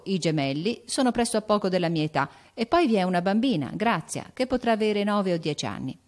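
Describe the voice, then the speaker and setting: A woman voicing a spirited, impulsive teenage girl in an audiobook, with an excited, emphatic delivery. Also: fairly low pitch, lightly acted. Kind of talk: audiobook character voice.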